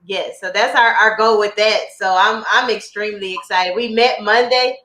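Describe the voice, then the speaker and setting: A woman co-hosting a livestream, chatting with excitement about an upcoming event. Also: medium pitch, moderate pace, echoey room, poor audio. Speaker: co-host. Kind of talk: casual chat.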